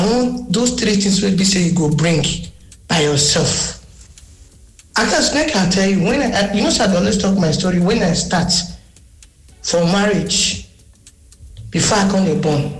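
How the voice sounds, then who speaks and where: A woman's voice: medium pitch, measured pace, long pauses. Woman caller in a voice note played on air, Nigerian Pidgin accent, roomy echo, storytelling delivery. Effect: recorded voice message played on air. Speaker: radio listener sending a message. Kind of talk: personal story told by phone message.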